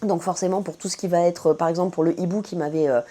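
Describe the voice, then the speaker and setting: Woman, French accent, low voice, mellow tone, casual Q&A, lots of fillers. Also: fairly even intonation, fast talker. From France. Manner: chatty, many fillers and self-corrections. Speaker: food vlogger answering viewer questions. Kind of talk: casual Q&A chat to camera.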